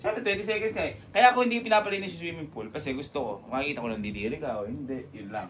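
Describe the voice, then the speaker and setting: A man's voice: fairly high pitch, racing, slight background noise. A man hosting a prank challenge with casual, goading banter, often repeating his phrases. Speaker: host of a challenge video. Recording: loud music, voice far from mic.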